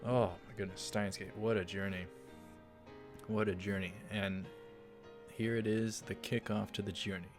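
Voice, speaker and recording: A low-voiced man casually hosts a let's play, rambling and halting as he comments on the game. He keeps a level tone and moderate pace, with faint music behind him.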